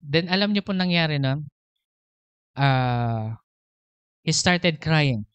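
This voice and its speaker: Pastor guy preaching, mixes tagalog and english, dry close sound, kinda high voice. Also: expressive, slow pace, a bit bright, clear, resonant tone, dry recording, lo-fi sound. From Philippines. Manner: switches between Tagalog and English, storytelling, laughs often. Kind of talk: sermon.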